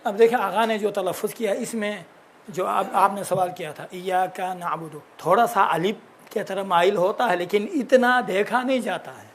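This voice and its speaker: A man's voice: high-pitched, a bit bright, a little hiss or hum. Patient man teaching Quran pronunciation. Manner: patient, corrective, demonstrates pronunciation slowly. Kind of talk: correcting recitation lesson.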